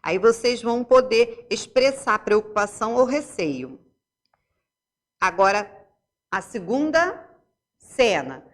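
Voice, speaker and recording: Lively Brazilian teacher explaining to children. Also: female voice, a little high. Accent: Brazilian Portuguese. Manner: explains slowly, asks checking questions to pupils. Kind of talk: remote classroom lesson.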